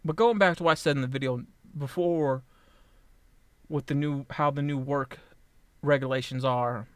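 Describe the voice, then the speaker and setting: A man in his late twenties rambles bluntly through a casual personal vlog, swearing freely and often restarting his sentences in a halting way. His mid-range voice is steady and clean, with no room sound.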